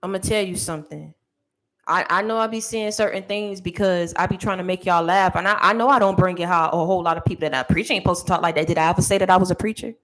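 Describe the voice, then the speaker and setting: A woman's voice: on the low side, fast, low-quality recording. A woman giving a motivational monologue to camera, sassy and preachy, talking straight at her critics. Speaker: motivational speaker.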